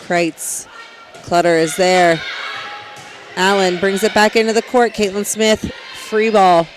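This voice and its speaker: Man, high voice, volleyball play-by-play, excited calls on big plays. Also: soft background music. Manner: rapid name-calling, rising to shouts on big plays. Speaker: play-by-play announcer.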